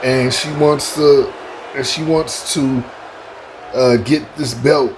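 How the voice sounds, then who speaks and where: Over clear background noise, a man commentates a wrestling video game play by play, talking to listeners in an announcer style with stock exclamations. His mid-range voice keeps a fairly even intonation at a slow pace.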